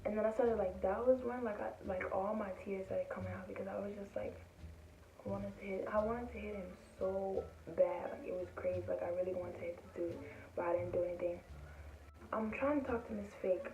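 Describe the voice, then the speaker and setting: A woman's voice: medium pitch, steady tone, a little fast, dark tone, slight background noise. A teenage girl telling a casual storytime about school, rambling with lots of "like" and acting out what people said. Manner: rambling, full of "like" fillers; acts out quoted people in her voice. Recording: tinny, roomy, distant from mic.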